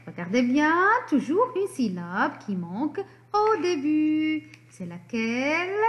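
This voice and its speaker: Woman teacher for a children's reading lesson, high and animated, slow and clear on every syllable. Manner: cheerful praise and prompts to children.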